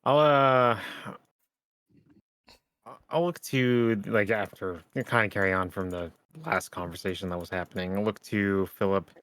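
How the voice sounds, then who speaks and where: A man playing a tabletop game, speaking in character with a gruff, casual manner. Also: lowish voice, steady tone, a little slow, fairly bright tone, no room sound. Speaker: player.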